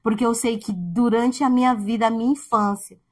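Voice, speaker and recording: A woman preaching a heartfelt sermon in a conversational way, growing soft and quiet at tender points. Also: on the high side, fairly even intonation, a little fast, slightly rough. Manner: heartfelt, conversational, speaks softly at tender moments. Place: church.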